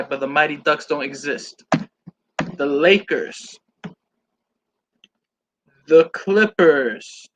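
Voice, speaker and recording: Man hosting a live stream, bright voice, fairly high pitch, loose and joking. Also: rough recording. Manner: loose and joking, reading out chat comments. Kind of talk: casual live-stream chat.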